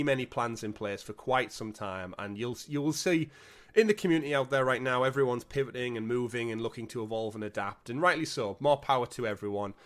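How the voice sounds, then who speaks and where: A man hosting a gaming podcast with energetic, jokey patter, a bit congested from a cold. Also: medium pitch. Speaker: podcast host. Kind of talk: upbeat podcast presenting.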